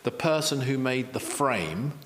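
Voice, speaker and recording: Lively male spiritual teacher, mid-pitched, earnest and explanatory, echoey room. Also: measured pace. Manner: earnest, repeats key phrases, self-deprecating asides. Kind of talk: explanatory interview talk.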